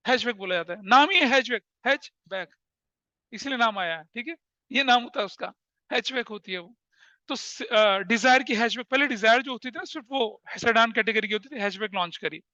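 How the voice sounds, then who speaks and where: This man, a commerce teacher, speaks a little fast in a very high, bright voice, moving between Hindi and English as he lectures. He spins lively anecdotes and laughs along at them. The recording is dry and a bit dull, lo-fi classroom sound with no room ambience.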